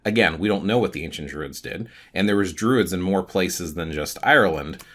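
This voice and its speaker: A man hosting his own channel, talking through his thoughts in a thoughtful, explanatory way with frequent pauses. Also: sits low, expressive, a bit bright. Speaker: channel host. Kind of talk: casual talk to camera.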